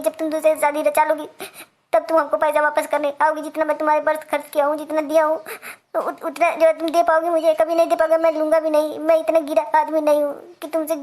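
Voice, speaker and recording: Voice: sits high, darkish tone, close to an everyday voice. A performer voicing a jilted village man in a cartoon comedy, with an Awadhi accent, ranting, stammering and tearfully threatening his ex.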